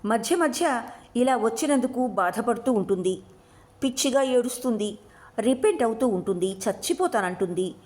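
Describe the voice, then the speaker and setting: A woman's voice: on the high side, animated, moderate pace, darkish tone, pitched above the performer's own voice, close to an everyday voice. A woman reading a story, voicing a self-assured male hippie who lectures in a matter-of-fact way. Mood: lecturing.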